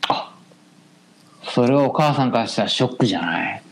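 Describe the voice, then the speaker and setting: A man with a Kansai accent in casual chat, giving quick back-channel reactions and teasing jabs. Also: mid-range voice, lively intonation. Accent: Kansai Japanese. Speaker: podcast co-host.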